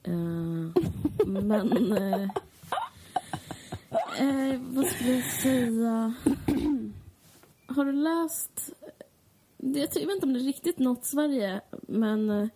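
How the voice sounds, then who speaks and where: A woman's voice: a little high, pauses often, noisy background. A woman co-hosting a podcast, talking in a rambling, frank and sardonic way. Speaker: podcast co-host. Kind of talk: casual chat.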